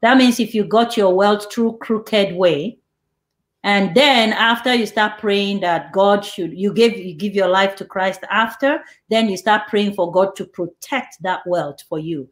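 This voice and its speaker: With a medium-pitched voice and a slightly slow delivery, a woman runs an online church interview over a video call. Warmly laughing, she reads viewer questions and affirms each answer.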